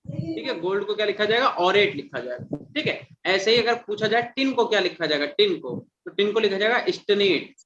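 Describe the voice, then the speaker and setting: Man teacher, fairly high voice, dull lo-fi classroom recording, repeats and quizzes students. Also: big pitch swings, brisk, fairly bright tone, a little hiss or hum. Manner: repeats and quizzes students, calls them "beta". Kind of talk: classroom chemistry lecture.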